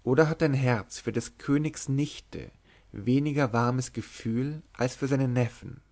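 A man's voice: medium pitch, a little slow, a little mellow, close to an everyday voice. A man reading aloud, voicing a teasing young noblewoman disguised as a lord, who speaks in a lisping, coy whisper.

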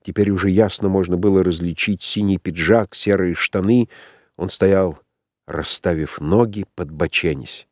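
A man narrating a literary novel as an audiobook in a measured, unhurried manner. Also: deep voice, no echo. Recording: dry close studio sound.

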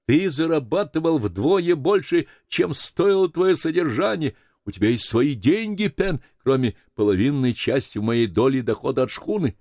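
Man playing a high-pitched fussy old fisherman. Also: measured pace, no echo, clean studio sound. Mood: emphatic. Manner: high, excited, fussing. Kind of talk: audiobook character voice.

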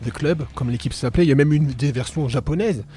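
A man's voice: medium pitch, fast, dark tone, husky. A man co-hosting a casual podcast chat, talking with many hesitations and fillers. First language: French. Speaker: podcast co-host.

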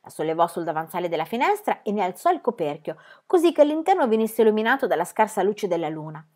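A woman reads a children's story aloud with expressive, lively delivery. Her pitch sits in the middle of the range for a woman, and she shapes each sentence for young listeners. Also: quick pace. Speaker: reader of a children's book.

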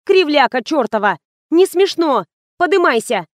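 A sharp, jealous young makeup artist who snaps at her rival and frets in a raised voice, as a woman reader puts her on. The sound is dry and close. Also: high-pitched, sing-song, moderate pace, no echo, pitched above the performer's own voice. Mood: scolding. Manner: sharp, scolding and anxious.

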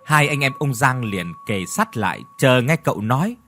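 A man's voice: medium pitch, moderate pace, a little hiss or hum. Man narrating a ghost story. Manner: expressive reading of all roles.

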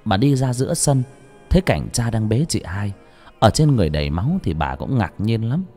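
A man tells a horror story in dramatic, expressive audiobook narration. His low voice rises and falls a great deal. Faint music plays beneath him. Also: brisk.

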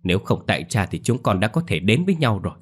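A man voicing a lovesick young village woman who pleads and scolds through tears. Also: sits low. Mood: tearful anger. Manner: pleading, rising into quick upset outbursts.

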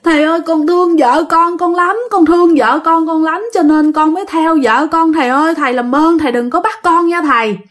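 A woman's voice: very high voice, fairly even intonation, fairly quick, hardly any pauses, pitched above the performer's own voice. A woman doing a weeping husband's ghost, southern Vietnamese accent. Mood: tearful pleading. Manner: tearful pleading. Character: grieving ghost of a husband speaking through his wife.

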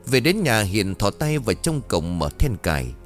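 A man narrating a ghost story in a measured, expressive storytelling manner. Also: lowish voice, soft background music.

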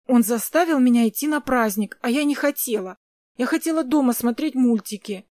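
A stubborn little girl with a pouty, childish voice, pitched high and bright, as a woman reads her out in an audiobook. She sounds playful one moment and sulky the next, all close and dry with no room sound. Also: fairly quick, dry recording, close to an everyday voice. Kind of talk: audiobook character reading.

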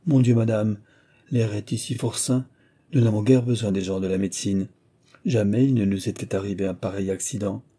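A man's voice: on the low side, steady tone, normal speed, dark tone, husky. A man voicing a chatty, gossiping village innkeeper woman in an audiobook. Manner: gossipy, talkative.

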